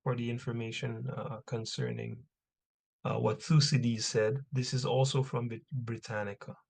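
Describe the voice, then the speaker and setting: A man's voice: mid-range voice, level tone, moderate pace, gravelly, darkish tone. Emphatic man teaching an informal class. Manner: emphatic, punctuates points with rhetorical questions and tags like 'right?' and 'man'. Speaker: teacher leading an online religious history class. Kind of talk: informal lecture, reading and commenting on texts.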